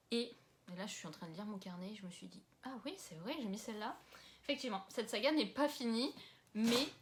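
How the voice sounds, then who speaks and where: A young woman from France talks casually at home about books. Her voice sits at a middle pitch, and she rambles with fillers and self-mocking asides. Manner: chatty, self-deprecating, many fillers and asides. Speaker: book vlogger.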